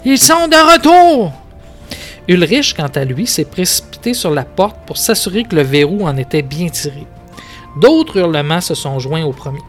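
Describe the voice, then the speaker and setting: A man with a Québécois accent hosting a podcast, reading a gamebook aloud with dramatic narration and casual asides. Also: a little high. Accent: Québécois French. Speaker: podcast host.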